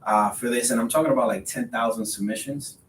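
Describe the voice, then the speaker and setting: A Spanish-speaking realtor in his thirties from the Dominican Republic talks as a podcast guest in a casual interview, speaking haltingly and repeating words. The recording has a roomy echo, a distant mic and a faint rumbling noise.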